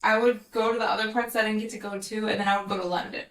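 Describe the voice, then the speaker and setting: A woman's voice: mid-range voice, little pitch movement, very fast, fairly bright tone. Chatty young woman, roomy far-off sound. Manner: chatty, full of "like" fillers, storytelling. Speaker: podcast co-host. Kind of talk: casual chat. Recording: roomy sound from away from the mic.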